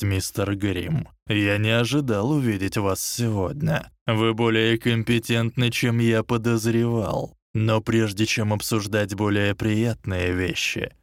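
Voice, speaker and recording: A man voicing a cold, menacing dark lord who speaks low and slow. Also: clear, resonant tone, no echo, clean studio sound, natural voice.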